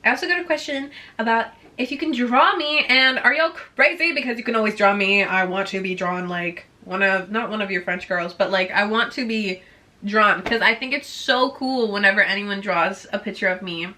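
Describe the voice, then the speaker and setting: A Swedish-speaking woman of around twenty, a vlogger, runs a casual Q&A with her viewers in a bubbly, chatty way, saying "like" constantly. Her mid-range voice comes out pushed and bright at a moderate pace.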